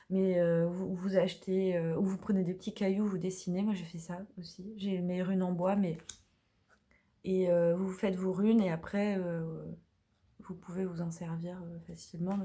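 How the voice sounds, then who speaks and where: A woman's voice: medium pitch, warm tone. A woman casually unboxing and reviewing an oracle card deck, talking chattily with many hesitations and now and then dropping to a whisper.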